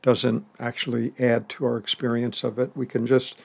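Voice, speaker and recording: A male meditation teacher leads a session calmly and without hurry, leaving long pauses between phrases. His mid-pitched voice carries a gravelly edge, and a soft laugh occasionally slips through.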